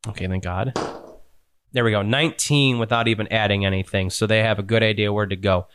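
A man's voice: on the low side, steady tone, fairly quick, a bit bright, clean tone. A man running a tabletop game as game master, easygoing and often laughing.

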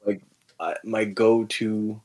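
A man's voice: lowish voice, little pitch movement, slow, darkish tone. A man co-hosting a podcast, chatting casually about a film and often chuckling along. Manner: casual, chuckling, short agreeing replies. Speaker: podcast co-host. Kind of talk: casual film review chat.

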